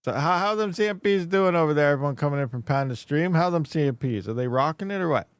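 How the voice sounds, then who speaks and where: A man's voice: a little high, expressive, fast talker, smooth, no echo. Man, livestream host, slightly slurred toothless speech, swollen mouth, casual rambling chat, close dry sound. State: swollen mouth after teeth pulled. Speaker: live stream host.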